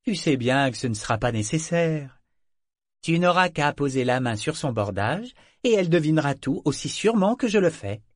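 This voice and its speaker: A motherly living ship with a raised, knowing voice that teases gently, as a man reads her. The recording is close and dry, with a storybook feel. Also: sing-song, moderate pace, no echo. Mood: teasing. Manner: low, knowing and teasing.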